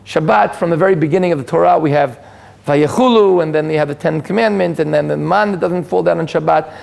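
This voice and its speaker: Speaking fast, an Israeli lecturer whose first language is Hebrew addresses a community hall audience in a relaxed, informal way. His high-pitched voice carries gravelly fry, and he pokes fun at himself with dry jokes, frequently restarting and using fillers.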